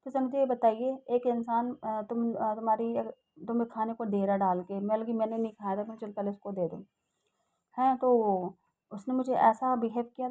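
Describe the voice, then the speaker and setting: A middle-aged woman recounts a personal devotional testimony in a warm, dark-toned voice. She rambles, stops often to hesitate and restart, and sounds heartfelt throughout. Her pitch sits in an ordinary middle range. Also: rough recording.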